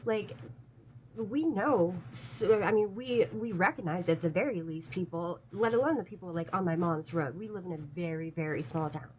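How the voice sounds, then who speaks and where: A woman's voice: lowish voice, normal speed, a little hiss or hum, rough recording. A woman telling a personal story in a casual, chatty way, full of "like" fillers, earnest about it being true.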